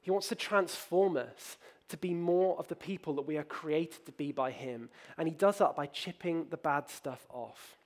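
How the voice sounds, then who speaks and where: A man's voice: a little high, normal speed, hardly any pauses. A man preaching a sermon in a conversational, candid way, with frequent fillers and self-deprecating asides. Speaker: pastor.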